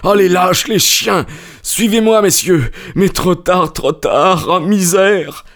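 Man doing a frantic, shouting young stranger. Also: high voice, brisk, voice pushed up. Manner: shouting, panicked, urgent. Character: desperate frantic young male stranger with pistol. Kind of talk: audiobook character voice.

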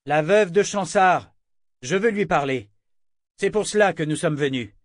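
A man reading an audiobook, voicing a steady captain who speaks earnestly and insists on being heard. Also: fairly high pitch, unhurried, no room sound, clean studio sound, pitched above the performer's own voice. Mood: insistent. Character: steady male captain, calm but insistent. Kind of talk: audiobook character voice.

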